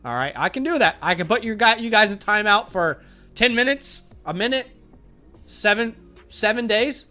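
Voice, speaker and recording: A man in his young adult years hosts a casual fantasy football livestream. He rambles, gets animated and a bit exasperated, and is losing his voice. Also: sits high, moderate pace, soft background music. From Australia. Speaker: fantasy football host answering live chat questions.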